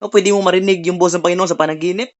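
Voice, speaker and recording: Preacher, sermon, mid-pitched voice, Tagalog-English mix, frequent tag questions, slow scripture reading. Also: fairly even intonation, highs cut off. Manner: reads scripture slowly, then explains.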